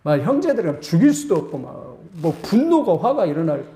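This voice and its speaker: A male pastor preaching a sermon, retelling a story with animated emphasis and repeated phrases. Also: fairly high pitch, quick pace, roomy sound.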